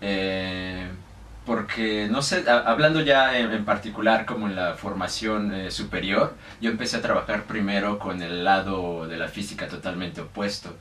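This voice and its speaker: Here a young Mexican man with a Mexican accent talks as a guest at a moderate pace, his fairly low voice a bit bright. He hesitates frequently in the casual interview, using many fillers and restarts. The recording has room echo, a distant mic and faint noise.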